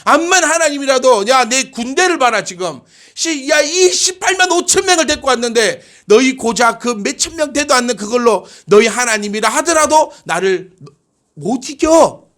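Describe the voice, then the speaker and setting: A man's voice: extremely high pitch, lively intonation, normal speed, fairly bright tone, pitched above the performer's own voice. A man voicing a boastful ancient king who jeers at his enemy and mocks their God. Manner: mocking, jeering.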